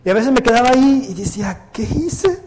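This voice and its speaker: Man preaching, high voice, long church reverb, storytelling. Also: fast, crowd noise. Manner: lively storytelling preacher, switching between Spanish and English. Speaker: pastor. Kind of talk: bilingual Sunday sermon with anecdotes. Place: church sanctuary.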